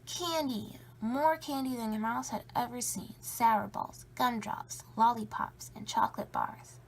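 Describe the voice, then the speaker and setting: A woman reading a children's story aloud in a playful, spooky way, with drawn-out emphasis and a creaky edge. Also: on the high side, fairly even intonation, slight background noise, poor audio. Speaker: storybook reader.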